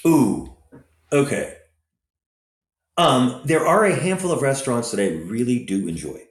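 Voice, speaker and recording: Here's an unhurried, medium-pitched man in an echoey room: a Southern California restaurant operator and investor answering interview questions conversationally. He spins lively anecdotes and leans heavily on fillers.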